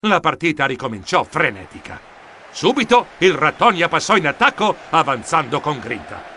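A man narrating a children's storybook in a lively, expressive manner. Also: a little high, normal speed, a little hiss or hum. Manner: expressive, animated. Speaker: audiobook narrator.

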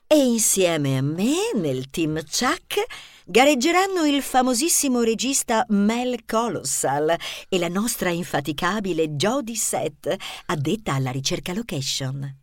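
A man's voice: sits high, very animated, a little slow, dry recording, studio quality. A man voicing a vain, glamorous female movie-star mouse who speaks in a sugary, honeyed way in a children's storybook. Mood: proud.

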